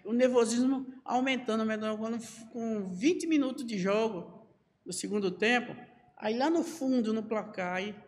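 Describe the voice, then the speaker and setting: A man's voice: sits high, moderate pace, big-room sound. A man, a podcast guest telling stories with energy and acting out other people's lines. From Northeast Brazil. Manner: lively storyteller who acts out other people's lines. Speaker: podcast guest, former footballer. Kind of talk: animated storytelling interview.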